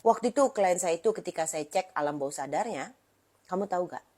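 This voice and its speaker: A woman therapist gives a casual talk to parents. She acts out the quoted dialogue in lively voices. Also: fairly low pitch, fast talker, background noise. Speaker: therapist who reads clients' subconscious.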